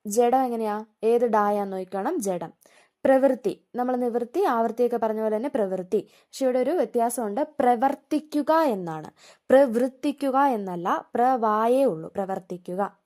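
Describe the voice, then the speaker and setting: Female exam-prep tutor, slightly high voice, deliberate word-by-word dictation. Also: darkish tone. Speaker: exam coaching teacher. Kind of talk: exam-prep spelling lesson.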